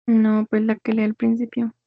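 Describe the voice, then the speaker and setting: A woman student on a video call, reading English aloud hesitantly and haltingly. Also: on the high side, monotone, creaky, no echo, muffled recording.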